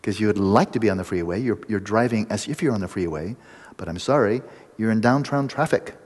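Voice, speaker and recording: A man giving a meditation talk to a group, explaining in vivid images with pauses and restarts. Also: lowish voice, a little mellow, big-room sound. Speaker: meditation teacher. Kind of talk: dharma talk to a retreat group.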